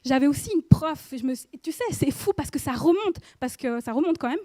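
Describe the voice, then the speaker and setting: A woman's voice: sits high, animated, brisk, warm tone, dry recording. A woman in her thirties giving an informal sermon in church, chatty and speaking directly to the listener with frequent questions. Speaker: preacher.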